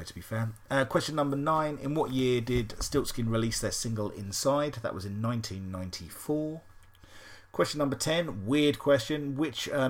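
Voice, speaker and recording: A man with a fairly low voice hosts a casual podcast quiz, running through the answers. He talks loosely and sardonically, dropping swear words and frequent "uh"s as he goes. His pitch swings up for question numbers and sinks low for dry asides. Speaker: podcast host.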